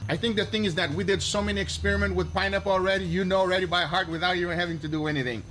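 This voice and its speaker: A man's voice: sits high, steady tone, very fast, a bit bright, a little hiss or hum. A man hosting a casual cooking video, tasting steaks, teasing his friend and laughing often. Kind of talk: casual chat tasting food.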